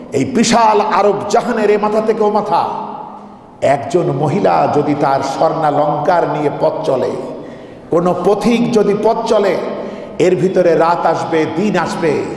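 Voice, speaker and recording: Guy giving a dramatic sermon, high voice, super echoey hall. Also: a little mellow. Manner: dramatic, rising emotional delivery with long pauses. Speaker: preacher. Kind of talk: sermon storytelling. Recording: echoey hall, strong reverb.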